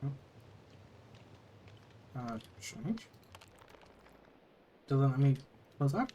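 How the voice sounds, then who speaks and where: Horror story host, mid-pitched voice, hushed dramatic delivery, some background noise. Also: big pitch swings, very slow. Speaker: host reading horror stories aloud. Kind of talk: horror story narration with casual asides.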